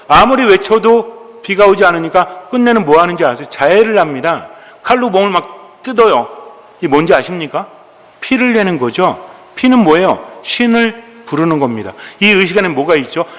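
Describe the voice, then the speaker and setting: Priest giving a sermon, kinda high voice, chatty q-and-a style with the congregation, big echoey church. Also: male voice. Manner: storytelling, asking the congregation questions and answering them; colloquial and animated, acting out quoted dialogue. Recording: long echoing church reverb.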